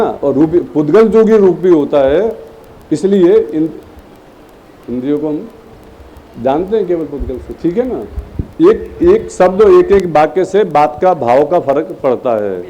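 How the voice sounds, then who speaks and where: A man's voice: a little high, expressive, measured pace, dark tone, lo-fi sound, a little hiss or hum. A man teaching a classroom at a training camp, questioning his students and prodding them along, acting out phrasings aloud.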